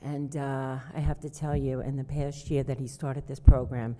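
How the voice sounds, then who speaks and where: A woman's voice: extremely low pitch, flat delivery, normal speed, warm tone. A woman giving public comment as a parent, earnest and effusive in her praise. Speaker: parent speaking at a hearing. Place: village hall meeting room. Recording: reverberant hall.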